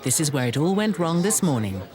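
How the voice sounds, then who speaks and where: Lively male documentary narrator. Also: on the high side, brisk, crowd noise, noisy background. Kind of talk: scripted TV narration.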